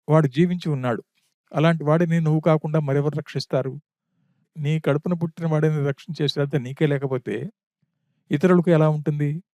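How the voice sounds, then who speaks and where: A man voicing a calm, wise monkey counselor who consoles a widow with steady, sermon-like reasoning. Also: fairly high pitch, dry recording, natural voice.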